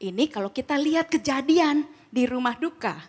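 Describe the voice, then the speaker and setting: A middle-aged woman with a high, bright-pitched voice gives a casual church training talk on comforting the grieving. She tells stories and acts out both sides of remembered conversations in slangy, animated speech. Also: normal speed. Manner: lively storyteller who acts out quoted exchanges in slangy speech. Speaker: speaker at a church grief ministry training.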